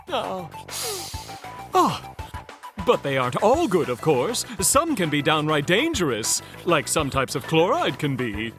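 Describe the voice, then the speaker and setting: A man voicing an earnest, nerdy male moose scientist who lectures eagerly and laughs nervously in a cartoon. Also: a little high. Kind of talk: cartoon voice acting.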